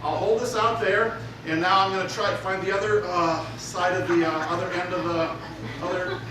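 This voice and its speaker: In an echoey, noisy theater recorded from afar, a male stage magician jokes with a volunteer and addresses the crowd during his live act. He speaks at a normal speed in a high voice with fairly even intonation.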